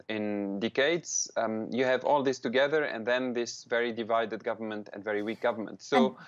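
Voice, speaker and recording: A political analyst in his thirties answers a live news interview over a video call, seated in a room lined with bookshelves. His mid-range voice comes through in measured phrases full of ums and restarts, and the video-call audio is slightly dull.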